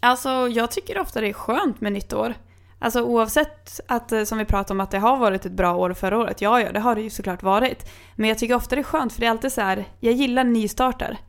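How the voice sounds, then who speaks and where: Young woman, fairly high voice w lots of vocal fry, rambly casual podcast chat. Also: few pauses. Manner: chatty, rambling with many fillers. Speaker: podcast co-host.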